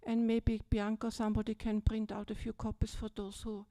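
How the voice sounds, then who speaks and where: An older woman with an Austrian German accent, a Buddhist nun, tells a personal story in a retreat talk while seated on a low stage in a large, dim hall. She's chatty, often checking in with "yeah?", and her fairly high voice is soft and mellow, though monotone and fairly quick. She speaks into a handheld mic, so the recording is dry and close.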